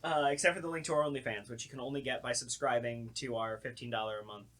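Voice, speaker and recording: A young man co-hosts a podcast, his medium-pitched voice steady, fast and fairly bright. He tells stories in a casual, informal chat, acting out reactions along the way.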